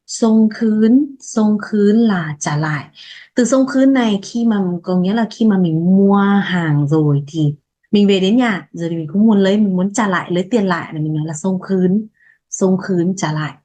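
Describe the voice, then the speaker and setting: A woman teaching vocabulary, saying each word slowly and repeating it before explaining it. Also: medium pitch, warm tone. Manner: repeats words slowly, then explains briskly. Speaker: language teacher. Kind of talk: vocabulary lesson, slow repetition. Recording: dull lo-fi sound.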